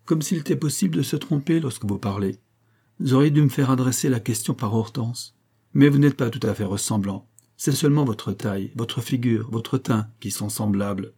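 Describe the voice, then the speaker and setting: Man voicing puzzled young lady, soft, husky, dark tone. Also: mid-range voice, normal speed. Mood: gentle. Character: puzzled young woman, shy and earnest.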